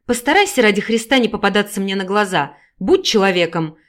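A woman voicing a cruel, bitter middle-aged mother who shouts with scorn and hatred in an audiobook. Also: mid-range voice, sing-song, brisk, natural voice. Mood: cold contempt.

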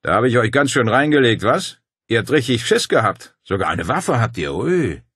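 A man voicing a tall, bearded mountain hermit who calls out in a hollow, booming voice and teases with glee. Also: sing-song, normal speed, fairly bright tone, no room sound, studio quality. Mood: teasing. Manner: booming, teasing, delighted with his own trick.

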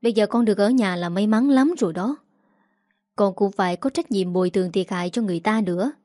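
A woman's voice: mid-range voice, fast talker, no echo, studio quality, close to an everyday voice. A woman voicing a weary young engineer. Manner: calm, sighing. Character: weary young male engineer, calm son.

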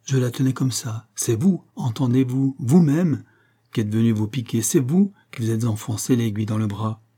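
A man's voice: mid-range voice, moderate pace, warm tone, natural voice. A man reading an audiobook and voicing a suave, cruel master criminal who mocks his victim with false politeness. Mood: cold. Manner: smooth, mocking, falsely polite.

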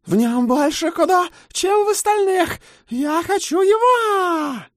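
A man's voice: mid-range voice, expressive, slow, no room sound, clean studio sound. A man voicing a ravenous female harpy in an audiobook, who shrieks and then hisses in a whisper. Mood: shrieking demand. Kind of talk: audiobook character voice.

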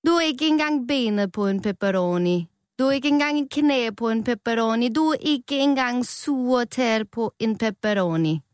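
A woman's voice: a little high, sing-song, few pauses, darkish tone, no room sound, studio quality, voice pushed up. A woman voicing a rude pepperoni slice that mocks with mock-Italian exclamations.

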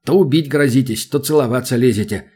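A man's voice: medium pitch, fairly quick, warm tone, husky, natural voice. Man playing a doubtful drawling ranger. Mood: skeptical. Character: skeptical male forest ranger, wry and grumbling.

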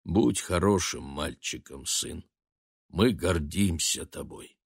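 A man voicing a tired old father who talks briefly in a slow, gruff way. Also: sits low, expressive, a bit bright, no echo, clean studio sound, full character voice. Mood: weary.

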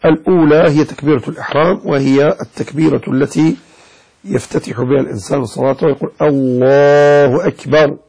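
A sheikh with a Moroccan Arabic accent teaches Maliki jurisprudence, explaining a legal text, demonstrating how words should be pronounced, and addressing listeners directly. His voice is on the high side, steady, darkish and husky, with vocal fry, and he talks fast. The recording is low quality.

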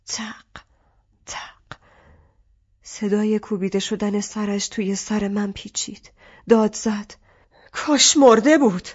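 A woman narrating a literary novel as an audiobook in a calm, measured reading. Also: a little high, highs cut off.

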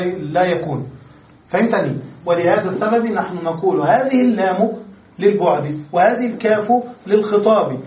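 A man's voice: sits high, darkish tone. A man teaching Arabic grammar in a classroom lecture, explaining step by step and checking that students follow. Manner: explains step by step, checks understanding with quick questions. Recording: echoey room from a distance.

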